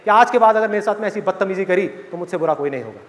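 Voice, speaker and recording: A man's voice: high-pitched, lively intonation, very fast, a bit bright, voice pushed down. A man voicing a young newly married daughter, huffy and complaining on the phone to her father, recorded in an echoey hall. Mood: demanding.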